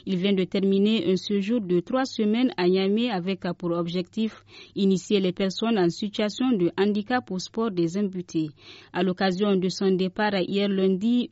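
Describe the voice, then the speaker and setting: A woman anchoring a radio news bulletin, reading a formal script in a measured way. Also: medium pitch, warm tone, dry recording. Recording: dull lo-fi recording.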